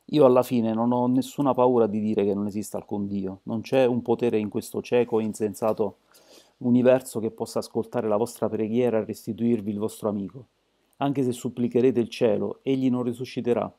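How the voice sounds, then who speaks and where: A man's voice: mid-range voice, fairly even intonation, brisk, warm tone, lightly acted. A man voicing a furious atheist demagogue. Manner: angry, argumentative.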